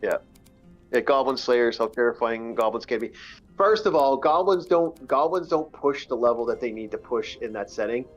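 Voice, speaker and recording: A man's voice: medium pitch, expressive, normal speed, dull audio, soft background music. A man casually chatting about fantasy games on a live stream, rambling and swearing freely. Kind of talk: casual chat while gaming.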